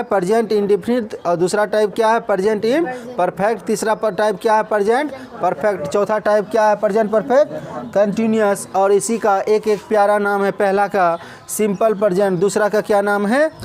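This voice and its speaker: A male English teacher, teaching a classroom of students and constantly firing quick questions at them. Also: high voice. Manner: dictates slowly, repeating words. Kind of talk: classroom lesson.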